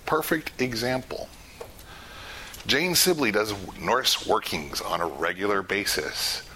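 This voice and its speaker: A man teaching a casual spoken class, chatty and quick to laugh, acting out little scenes as he explains. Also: fairly low pitch, lively intonation, sharp tone, slight background noise. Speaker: class instructor.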